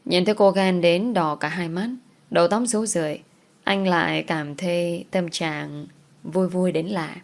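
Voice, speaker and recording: A woman reading a romance story aloud as its narrator, in a steady, even storytelling delivery. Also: on the low side, a little slow, creaky. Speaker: audiobook narrator.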